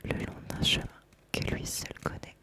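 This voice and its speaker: A woman whispers softly, presenting an oracle card deck as an ASMR host in a measured, deliberately phrased way.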